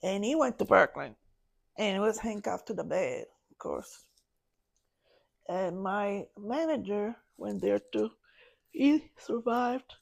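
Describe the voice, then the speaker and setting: Woman, podcast guest, heavy vocal fry, slow unhurried pace, halting, searching for words. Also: medium pitch, lively intonation. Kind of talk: personal story told in an interview.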